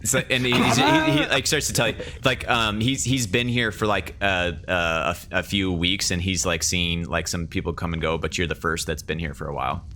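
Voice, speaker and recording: Low-voiced man narrating as game master. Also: lively intonation, sharp tone, a little hiss or hum. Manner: halting, casual, repeats phrases while improvising. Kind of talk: improvised tabletop game narration.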